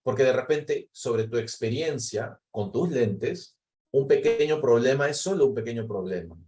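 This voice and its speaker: A man's voice: medium pitch, lively intonation, normal speed. A man leading a recorded training session, explaining step by step and often checking in with a questioning tag. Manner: explanatory, often tags phrases with ¿no?; acts out example replies in quoted voices. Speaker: workshop facilitator.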